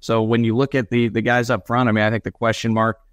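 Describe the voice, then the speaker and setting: A man's voice: mid-range voice, fast, clear, resonant tone, no echo. A man co-hosting a sports podcast, listing football stats in casual analysis. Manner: reels off stats in a steady run.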